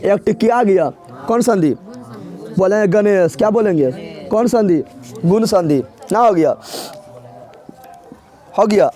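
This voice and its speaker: Man, high-pitched, exam-prep tutor, repetitive question-and-answer drilling. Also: lively intonation, a little slow, long pauses, warm tone. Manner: drilling, asks and answers his own questions. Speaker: teacher. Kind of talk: exam-prep grammar lesson.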